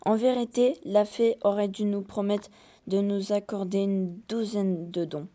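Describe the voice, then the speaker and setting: An impulsive, vain peasant wife from an old fairy tale, read aloud by a woman. Her voice is mid-pitched, dark and mellow, read plainly with small hesitations. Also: steady tone, unhurried, close to an everyday voice. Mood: wishful.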